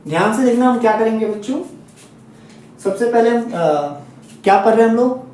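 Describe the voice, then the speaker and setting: A man's voice: very high voice, lively intonation, moderate pace, a little mellow, very echoey, distant mic, a little hiss or hum. A man teaching a physics lesson aimed at exams, who repeats key points and keeps checking in with his students. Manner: repetitive, checks in often with students. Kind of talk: exam-focused classroom lesson.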